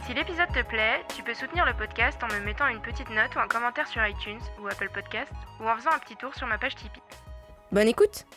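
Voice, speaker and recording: A woman host reading her podcast's introduction, speaking directly and clearly to the listener. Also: a little high, quick pace, music in the background.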